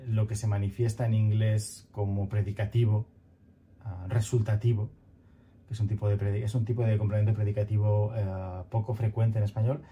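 Using a headset in a small home room, a man in his thirties delivers a recorded grammar lecture alongside slides. His voice is low and warm but flat, his thoughtful, halting speech is full of fillers and restarts, and the dull recording carries a little hiss or hum.

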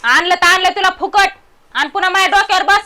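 A woman's voice: very high-pitched, quick pace, sharp tone. A woman playing a bossy, scolding old mother-in-law who nags and barks repeated orders. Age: older. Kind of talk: village family drama acting.

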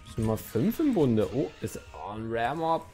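A man's voice: mid-range voice, sing-song, unhurried, mellow, soft background music. A young man commenting on his own gameplay in a chatty let's-play style, talking to the game and his viewers and swearing now and then. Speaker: gaming YouTuber.

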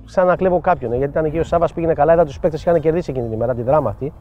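Older male coach, raised voice, tells stories with quoted back-and-forth, dull lo-fi sound, faint music behind. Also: a little high. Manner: animated anecdotal, acts out quoted dialogue. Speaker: football coach. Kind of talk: storytelling interview.

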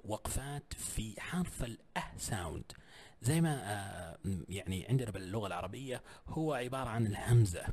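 A man with a slightly husky voice giving a casual language lesson, explaining pronunciation with spoken examples and English words mixed in. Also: medium pitch, a little mellow. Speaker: language teacher.

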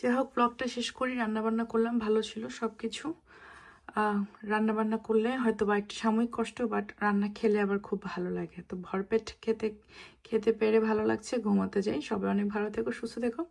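A young woman chatting casually while cooking in her home kitchen, speaking softly and mixing English words into her talk. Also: a little high, steady tone, fairly quick, vocal fry. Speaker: vlogger. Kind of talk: casual home vlog narration.

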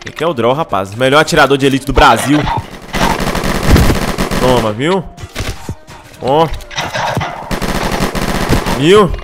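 A man's voice: medium pitch, measured pace, long pauses, very noisy. A man with a Brazilian accent doing playful gameplay commentary, mixing jokes with swaggering mock-thug role-play. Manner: excitable, jokey, swaggering mock-thug banter. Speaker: gaming YouTuber. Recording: loud game music under the voice. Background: game music and gunfire.

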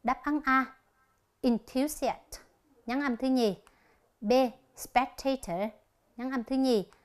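On a TV English lesson, a woman slowly walks through each exercise and reads the answer choices aloud. Her voice sits high and sounds smooth.

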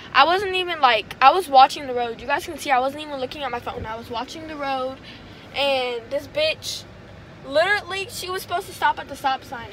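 A young woman chats from the seat of a car, holding her phone out at arm's length. Her voice sits high, and her talk is loose, slangy and full of swearing, ready to flare up loudly. Road and engine noise run clearly underneath her. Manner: casual, slangy and profane, quick to get loudly worked up. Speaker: vlogger. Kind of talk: casual vlog chat. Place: inside a car. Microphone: phone held at arm's length. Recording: phone recording with loud car and street noise.

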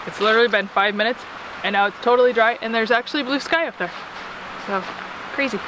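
A woman's voice: fairly high pitch, fast talker. Chatty woman vlogging outdoors. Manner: chatty, explains facts about the park. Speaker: RV travel vlogger. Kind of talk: casual travel vlog narration. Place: outdoors in a rainy forest park. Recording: outdoor noise on the mic.

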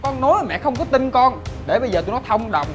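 A man's voice: sits high, animated, quick pace. A man playing a stern, betrayed young husband who speaks bluntly and accusingly, with music behind. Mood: cold. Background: background music.

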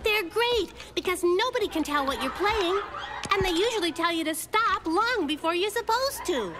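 A woman voicing a quick-witted, spunky little girl in a cartoon, with a chatty, wry comic delivery. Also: extremely high pitch, animated, very noisy. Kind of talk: cartoon acting and stand-up comedy bits.

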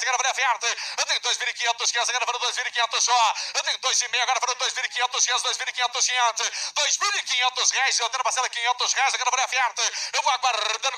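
A Brazilian man working as a livestock auctioneer, calling bids in a loud, insistent, repetitive chant. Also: extremely high pitch.

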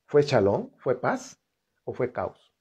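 A man's voice: medium pitch, wildly swooping pitch, slow pace, warm tone, slightly rough. A man leading a live-streamed Bible reflection, reading scripture aloud and talking to viewers in an earnest, conversational way. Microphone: computer setup.

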